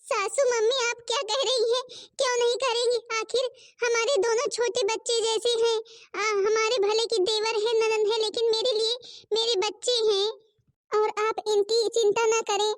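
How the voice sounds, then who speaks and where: A dutiful young cartoon daughter-in-law, with a very high, bright, sped-up tone. She is earnest and reassuring, always fussing over the family. The recording is close and dry. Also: level tone, moderate pace, no room sound, recorded from a distance. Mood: pleading. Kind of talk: Hindi cartoon voice acting.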